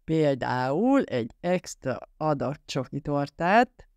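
A man's voice: a little high, very animated, a little mellow, smooth, no room sound, studio quality. A man reading a bantering, mock-formal grown man. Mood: playful. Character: playful, joking grown man.

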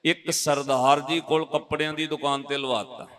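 A male Sikh preacher tells a moral story in a sermon. He stresses and repeats key phrases as he addresses the congregation. His voice sits fairly high for a man. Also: fairly even intonation, moderate pace, a bit bright. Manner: emphatic, repetitive and addresses the congregation.

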